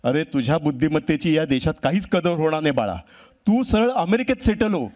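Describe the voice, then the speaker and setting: A man's voice: fairly high pitch, animated, brisk, darkish tone, lightly acted. A man doing a coaxing father donkey. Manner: coaxing, advising. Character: scheming father donkey advising his child.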